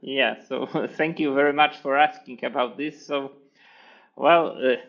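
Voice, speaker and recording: Man, 40s, Polish accent, flat even delivery, unhurried, video call guest. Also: mid-range voice, vocal fry, dull audio. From Poland. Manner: measured, hesitant with many fillers, laughs lightly. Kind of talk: interview over video call. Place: room with hexagon panel wall. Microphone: headphones with mic on video call.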